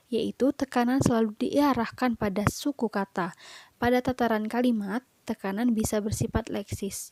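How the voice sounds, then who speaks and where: A woman's voice: medium pitch, mellow, no room sound. A young woman, a university student, presenting a lesson by reading listed points aloud in short phrases with occasional fillers. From Indonesia. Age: young adult. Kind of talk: read-aloud lecture presentation.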